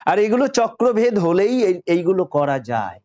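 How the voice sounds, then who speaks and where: A man with a Bengali accent giving a devotional sermon, slow and insistent, repeating phrases and singing verses. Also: high voice, sing-song, a little mellow, highs cut off. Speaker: spiritual teacher.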